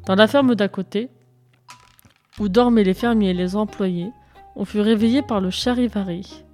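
A woman narrating a children's story in a lively, expressive read-aloud manner. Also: mid-range voice, moderate pace, soft background music.

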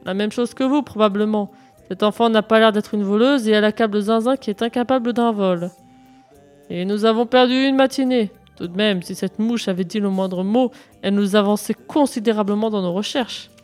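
A woman's voice: medium pitch, brisk, darkish tone, faint music behind, close to an everyday voice. A woman playing a dryly ironic village mayor. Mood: reflective.

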